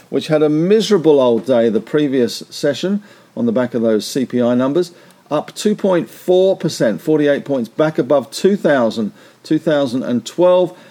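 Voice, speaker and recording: A man hosting a market podcast, delivering rapid market news with figures in a chatty, wry way. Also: medium pitch, warm tone.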